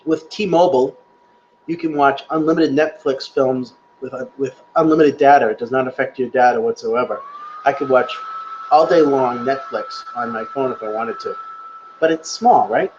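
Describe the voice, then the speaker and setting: A man with a medium-pitched, somewhat dark voice hosts a casual live Q&A, answering viewer questions in a chatty, rambling way and laughing at himself. The sound is lo-fi with slight background noise, picked up by a webcam or laptop mic on the stream.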